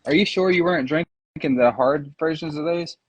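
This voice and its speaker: A husky man co-hosting a live stream, laughing easily and swearing in passing. His voice is recorded close and dry, with no room around it. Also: fairly high pitch, moderate pace, no echo. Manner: laughs often, swears casually. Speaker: livestream co-host. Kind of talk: casual livestream banter.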